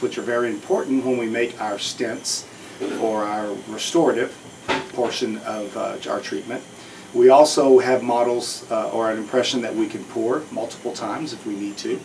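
Middle aged guy explaining a procedure step by step, average pitch, bit of room noise. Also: low-quality recording. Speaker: dentist and instructor. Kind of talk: instructional demonstration. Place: small dental treatment room, indoors.

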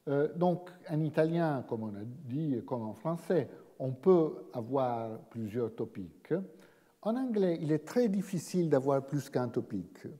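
A man giving an academic seminar lecture in a measured way, pausing often and restarting his phrases. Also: mid-range voice, lively intonation, dark tone, husky. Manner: measured, frequent hesitations and restarts. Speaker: guest lecturer. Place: lecture hall. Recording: long reverb of a lecture hall.

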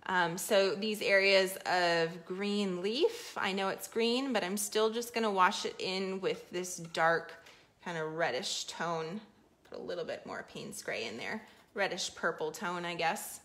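A woman hosting a live painting lesson, chatting casually while she works on the canvas. Her voice is bright and clear, with an easygoing, loose way of explaining. She talks her viewers through each step as she goes. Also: lowish voice, unhurried.

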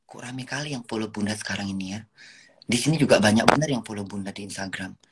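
A woman's voice: very deep voice, quick pace, a little hiss or hum. A woman, chatting casually on a phone live stream and reading viewer comments. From Indonesia. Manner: chatty, meandering, talks to viewers, refers to herself as Bunda. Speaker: livestream host.

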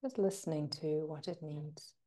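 A low-pitched female voice guides a breathing meditation. The teacher keeps things gentle and calming, with pauses that linger.

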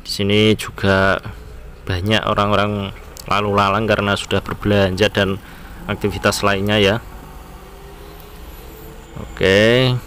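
With an East Javanese accent, a Bojonegoro-area car vlogger chats casually to viewers, calling them friends, while driving a moving car on town roads. He speaks on the low side, a little slowly with long pauses, over steady vehicle, road, and traffic noise.

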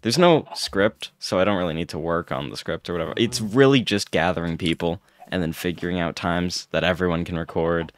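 Deep-voiced laid-back young man. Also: brisk, hardly any pauses, a little hiss or hum. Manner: laid-back, rambling, self-deprecating. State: short on sleep. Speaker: gaming YouTuber. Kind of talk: casual gameplay commentary.

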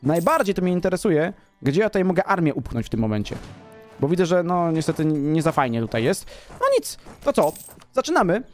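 A man in a relaxed let's-play, swinging his fairly high voice up and down as he brags and jokes with his viewers. Soft music plays underneath. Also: fairly quick. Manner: boastful, playful, talks to the viewers. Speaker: gaming commentator. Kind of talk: casual let's-play commentary.

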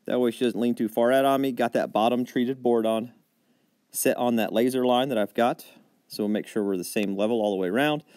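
A man's voice: medium pitch, a little fast, darkish tone, no echo. Dry, plain-spoken man narrating steps. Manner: plain step-by-step explanation. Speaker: DIY barn builder. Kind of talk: voice-over narration.

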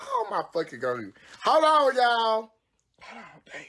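Brash, gravelly woman chatting on a livestream. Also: a little high, wildly swooping pitch, measured pace, a bit bright. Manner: brash, profane, exclamatory, frequent cursing; busy doing her own nails while talking. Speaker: social media personality. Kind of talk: casual livestream chat. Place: at home. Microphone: phone livestream.

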